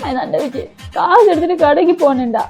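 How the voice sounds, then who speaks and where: A woman's voice: sits high, a little mellow, faint music behind. A young woman at home pulling a fake crying prank, whining and repeating herself between put-on sobs. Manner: whiny, drawn-out fake sobbing, repeats herself. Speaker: vlogger wife pulling a prank. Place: home, indoors.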